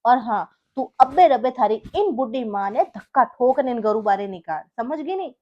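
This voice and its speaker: Comic skit: a woman doing a rude, bossy Marwari husband, high voice, sneering questions. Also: expressive, moderate pace, highs cut off, lightly acted. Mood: domineering. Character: angry young husband, harsh, domineering.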